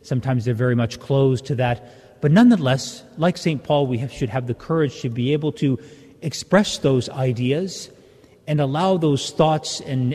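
A man's voice: medium pitch, warm tone. A man, a priest, reading the gospel and then preaching a plainspoken, conversational homily in a large church, his voice trailing off into a long cathedral echo. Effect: long church reverb, like a cathedral echo.

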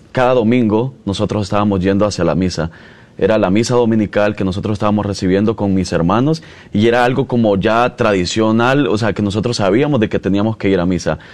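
A Salvadoran man in his thirties gives an interview as a guest, telling his life story in long, rambling runs full of restarts. His voice sits low and deep. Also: brisk, a little mellow. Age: 30s. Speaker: guest, radio announcer. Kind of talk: conversational interview.

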